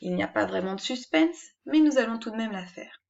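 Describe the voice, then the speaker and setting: A woman teaching a reading lesson, sounding out syllables one at a time and giving clear instructions to young learners. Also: a little high, animated, a little mellow, muffled recording. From France. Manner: slow, syllable-by-syllable dictation.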